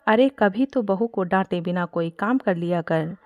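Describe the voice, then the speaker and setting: A woman reading aloud voices an indulgent elderly father-in-law who defends his daughter-in-law. He speaks gently and patiently in a storybook reading. The sound is dry and close. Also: medium pitch, moderate pace, dry recording, close to an everyday voice.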